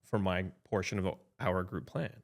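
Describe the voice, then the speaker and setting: A man of about fifty, an insurance advisor, explaining coverage in a relaxed podcast chat, often checking in with "right?" and restarting sentences. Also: deep voice, normal speed, creaky. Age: 50s. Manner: chatty, frequent "right?" tag checks and restarts.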